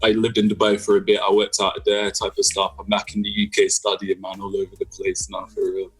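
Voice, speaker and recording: A man's voice: lowish voice, completely flat delivery, a little fast, fairly bright tone, breathy edge. A young man from the UK, a guest musician on a video call, talking in a laid-back way with lots of fillers. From United Kingdom. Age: young adult. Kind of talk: casual video-call interview.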